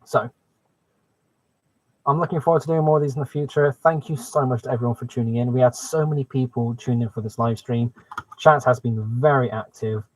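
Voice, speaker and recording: A man hosts a casual live stream about his hobby. He talks in an enthusiastic, chatty way at a middling pitch. The microphone sounds muffled, with very little room echo. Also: brisk. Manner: enthusiastic, exclaiming.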